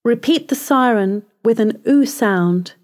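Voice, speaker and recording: A woman voice coach reads scripted instructions in a calm, measured way. Her voice sits a little high, and she takes her time over every step.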